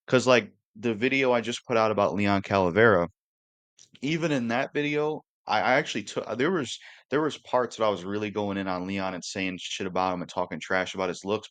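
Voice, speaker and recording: A man's voice: fairly low pitch, dry recording. A man in his twenties talking earnestly to camera in a casual, repetitive way, with the odd curse. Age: 20s. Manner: earnest, repetitive, occasionally cursing. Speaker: YouTuber.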